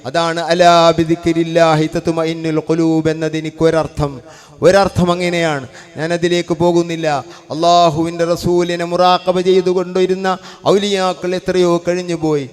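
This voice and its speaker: A man's voice: a little high, level tone, moderate pace, clear, resonant tone. A man preaching a sermon as an Islamic preacher, stressing points by repeating phrases.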